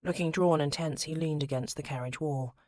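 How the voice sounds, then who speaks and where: A woman narrating an audiobook with a low voice, reading in a measured, expressive way. The recording is dry and close, with no room sound. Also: dry recording.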